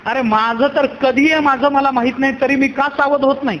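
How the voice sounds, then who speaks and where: A man's voice: very high-pitched, fairly even intonation, brisk, a bit bright. A man with a Marathi accent giving a devotional sermon, telling a story and acting out its characters with rhetorical questions. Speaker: Warkari kirtan preacher. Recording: echoey hall, faint background noise.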